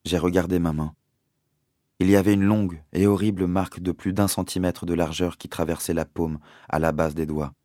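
A man narrating an audiobook in a measured, deliberate storytelling manner. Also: deep voice, warm tone, no echo, clean studio sound. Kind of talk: audiobook reading.

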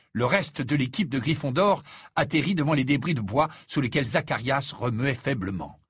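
A man narrating an audiobook and voicing the characters in an expressive way. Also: slightly rough, dry recording, studio quality. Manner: expressive, raises pitch for dialogue.

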